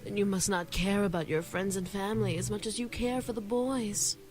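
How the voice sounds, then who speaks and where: A haughty female demon, voiced by a woman in a game, purring and condescending as she threatens. Her voice sits at a middling pitch, and faint game music hums beneath it. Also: fairly even intonation, moderate pace, lightly acted. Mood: menacing. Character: haughty menacing female demon, would-be queen. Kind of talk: visual novel voice acting.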